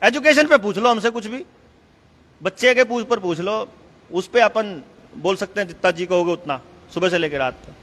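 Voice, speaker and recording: A man with a very high, bright, forceful voice speaks to a meeting in an emphatic, conversational way, chuckling between points. His voice rings with a long reverb from the hall. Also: lively intonation, moderate pace. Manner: emphatic, conversational, laughs often. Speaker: speaker addressing a political meeting. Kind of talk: rousing speech to a meeting.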